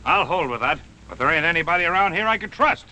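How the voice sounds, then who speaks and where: An actor playing a rowdy, plain-spoken frontier miner in a TV western, with an American accent and a blunt, folksy manner. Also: male voice, a little high, lively intonation, fast talker, sharp tone, slight background noise, low-quality recording. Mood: combative. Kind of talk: 1960s TV western acting.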